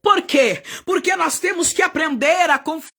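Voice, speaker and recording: A woman missionary preaching a fervent Pentecostal sermon, often shouting and crying out hallelujah. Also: very high voice, moderate pace.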